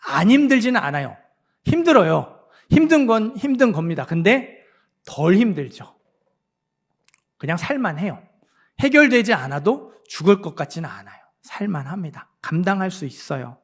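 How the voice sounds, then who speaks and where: A male pastor preaching a sermon in a church, earnest, rising to emphatic peaks and dropping to soft low tones. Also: big pitch swings, moderate pace. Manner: earnest, swings between emphatic rises and soft low drops.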